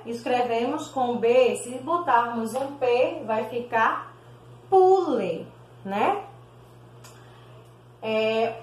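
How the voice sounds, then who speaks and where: A Brazilian woman teaching a primary school class on video, sounding out words slowly syllable by syllable and calling the pupils "my loves". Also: sits high, echoey room, poor audio. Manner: slow, sounds out words syllable by syllable, calls pupils "meus amores".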